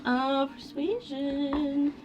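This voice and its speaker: A woman chatting casually as a player in a tabletop role-playing game, excitable and joking. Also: high-pitched, very slow, lo-fi sound, a loud crowd.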